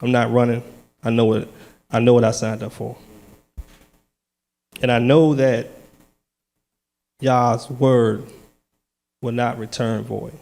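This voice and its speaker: A man's voice: mid-range voice, flat delivery, slow, gravelly, long pauses, a little mellow. A man giving a personal testimony at a church service, casual and earnest, laughing often, turning firm and declarative. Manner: nervous at first, then firm and declaring. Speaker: lay speaker giving testimony. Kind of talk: church testimony and short sermon.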